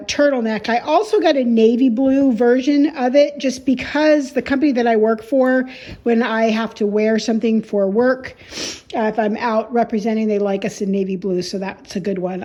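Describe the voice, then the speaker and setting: A woman's voice: fairly high pitch, mellow, low-quality recording. Chatty woman vlogging from her kitchen. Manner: chatty, loose with frequent ums. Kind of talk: casual home vlog. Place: home kitchen.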